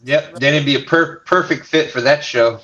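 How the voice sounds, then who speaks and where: A man's voice: on the high side, moderate pace, sharp tone. A man hosting a fishing show, joking and laughing as he chats with callers. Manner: jokey, laughing often, self-mocking. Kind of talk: casual chat. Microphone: camera and mic on a live stream. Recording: dull lo-fi stream audio.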